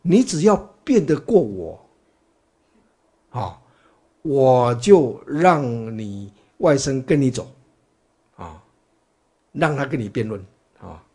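A man voicing a calm, patient Buddha who answers in measured, unhurried replies, with a husky voice. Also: medium pitch, exaggerated voice.

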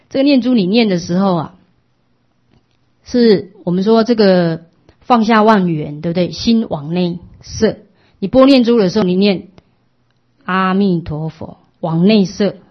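A woman giving a Buddhist dharma talk, explaining patiently and asking rhetorical questions. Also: lowish voice. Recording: dull lo-fi recording.

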